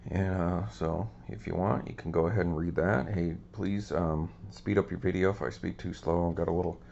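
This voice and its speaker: Speaking at a normal speed with fairly even intonation, a man with a low, creaky, darkish voice hosts a card collecting channel, and he sounds a bit scratchy today. He casually shows his cards, rambling with lots of ums, and the recording is muffled.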